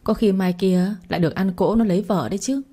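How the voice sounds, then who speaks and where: A woman's voice: mid-range voice, fast, mellow, slightly rough, close to an everyday voice. A woman voicing a nosy, gossipy older woman neighbor who teases a young woman, in a storybook reading. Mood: teasing. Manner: teasing, gossipy.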